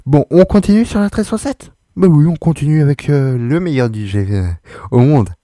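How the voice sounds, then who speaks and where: A man hosting a radio show in a casual, joking way, stumbling over his words and filling pauses as he goes. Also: fairly high pitch, warm tone, dry recording, studio quality. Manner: halting, full of fillers and restarts; joking, self-mocking. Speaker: radio host.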